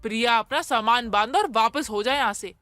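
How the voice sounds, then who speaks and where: A woman's voice: fairly high pitch, normal speed, fairly bright tone, no room sound, soft background music, natural voice. A woman voicing a stern, scolding mother-in-law. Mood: angry. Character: stern mother-in-law, middle-aged woman, easily worn down. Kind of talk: animated storybook voice acting.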